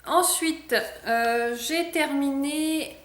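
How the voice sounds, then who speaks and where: A woman's voice: sits high, extremely slow, roomy sound. A woman chatting casually in a product review vlog, hesitant with many fillers. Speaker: vlogger.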